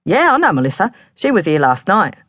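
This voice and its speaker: A woman's voice: mid-range voice, sing-song, a little fast, fairly bright tone, no echo, pitched above the performer's own voice. Woman doing a Cockney bar-owner man, early thirties, flirty, overly familiar, chummy, storybook reading, dry close sound. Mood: chummy flirting. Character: flirty self-assured Cockney male pub licensee, early thirties.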